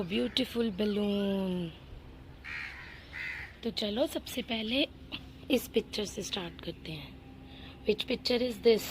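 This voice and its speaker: A young woman teacher with an Indian English accent draws out every word very slowly in a sing-song voice for small children. Her voice has a gravelly, creaky edge, and a faint hiss of noise sits behind it. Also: a little high. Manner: slow, sing-song drawn-out words with frequent questions. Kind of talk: phonics lesson for young children.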